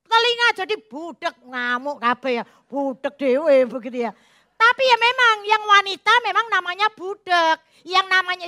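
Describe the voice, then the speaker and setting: High bright woman preaching folksy sermon. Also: no room sound, studio quality. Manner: folksy, joking, mixes in Javanese phrases. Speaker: pastor.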